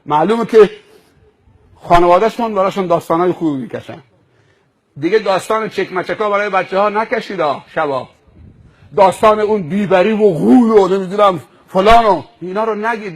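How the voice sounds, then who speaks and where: A male preacher telling a moral story in a sermon, animated and dramatic, piling up repeated phrases. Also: sits high.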